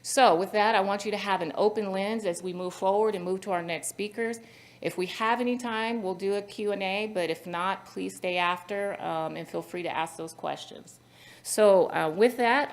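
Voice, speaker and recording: A woman's voice: mid-range voice, fairly even intonation, moderate pace. A woman moderating a conference panel, talking earnestly and telling a story, with frequent ums and uhs. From Central Valley, California. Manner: earnest, storytelling with many fillers.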